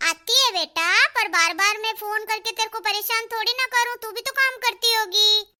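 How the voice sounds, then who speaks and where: Squeaky cartoon mom, gently scolding, voiced by a woman. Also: moderate pace, full character voice. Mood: calm. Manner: coaxing, keeps calling her daughter "beta". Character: patient middle-aged mother, gently scolding and soothing. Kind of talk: cartoon dialogue.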